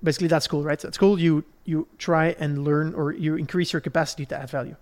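This podcast host, a Belgian man, has a fairly high-pitched voice that stays steady as he talks at a quick pace. He guides listeners through his points gradually in a conversational, instructive way, often pausing to confirm they're following along.

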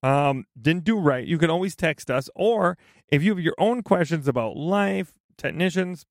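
A woman's voice: deep voice, expressive, normal speed, no echo, studio quality. A woman hosting a home-repair advice podcast, chatting casually in a playful, joking, self-teasing way. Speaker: podcast host.

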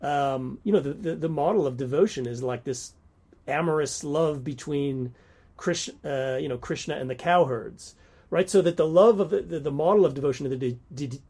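A man's voice: fairly high pitch, normal speed, dark tone. A man who teaches at a university, talking casually about course lectures, thinking aloud with many restarts and stumbles.

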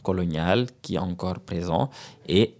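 A guest author in his thirties from Senegal, whose first language is Serer, answers interview questions in a measured, hesitant way, with frequent fillers and restarts. His voice is low and darkish in tone.

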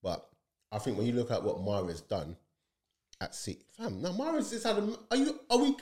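A man, co-hosting a casual football podcast, animated and talking over his co-host. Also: mid-range voice, brisk.

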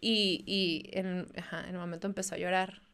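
A young woman from Mexicali with a northern Mexican accent, co-hosting a casual podcast chat and telling stories in a quick, slangy, laughing way. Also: on the low side, flat delivery, a bit bright, clean tone. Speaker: podcast co-host.

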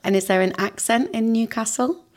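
A woman hosting an English-learning podcast, explaining and interviewing in a clear, teacher-like way. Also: on the high side, normal speed, darkish tone. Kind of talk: scripted lesson narration and interviewing.

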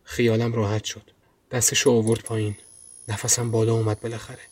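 A man narrating a first-person horror story in a grim, low tone, also hosting the podcast. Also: flat delivery, darkish tone, a little hiss or hum.

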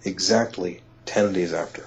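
A man talking as an interview guest, telling a personal story in a halting way, full of restarts and "you know", and he gets excited when he is amazed. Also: deep voice, vocal fry, a little hiss or hum. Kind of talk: conversational storytelling. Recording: dull lo-fi audio.

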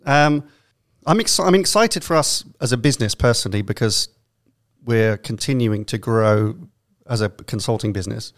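A man's voice: mid-range voice, normal speed. A man with a London accent, a CEO on a podcast panel, talking at length with many fillers and restarts. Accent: London English. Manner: rambling, filler-heavy, self-correcting. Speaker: consultancy CEO, panel guest.

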